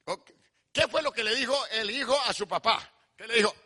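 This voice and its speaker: A man preaching a fervent sermon, swinging from hushed storytelling to shouted exhortation and mixing in English asides. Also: extremely high pitch, moderate pace. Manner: mixes Spanish with English asides. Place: church service.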